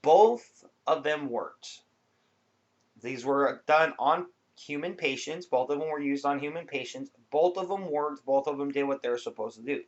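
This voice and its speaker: A man with a slightly high voice talks informally, like a vlogger addressing viewers. He explains things in a laid-back, rambling way. The sound is a bit dull and lo-fi. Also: brisk, hardly any pauses. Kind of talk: casual informal talk to viewers.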